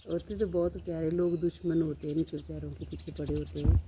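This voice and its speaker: A woman's voice: low voice, lo-fi sound, background noise. A woman casually narrating outdoors as she films, chatting away and cooing at her dogs in a sing-song voice. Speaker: vlogger filming her pet dogs. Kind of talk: casual narration while filming. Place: outdoors around her home and garden.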